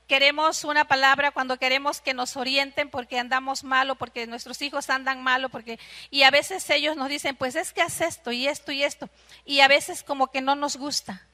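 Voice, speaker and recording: A woman with a Mexican accent preaches to a congregation, her voice high and bright. She keeps asking her listeners short questions as she goes. Her words ring out with a long reverb from the church hall. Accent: Mexican Spanish. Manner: asks the congregation "¿sí?" often. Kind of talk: sermon.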